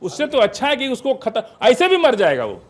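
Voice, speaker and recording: A man's voice: very high-pitched, huge pitch swings, brisk. An older man debating as a panelist on a TV news show, combative, repeatedly demanding to be heard and talking over others. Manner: combative, keeps saying "listen" and talks over others. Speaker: debate panelist, Islamic scholar. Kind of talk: heated TV debate argument.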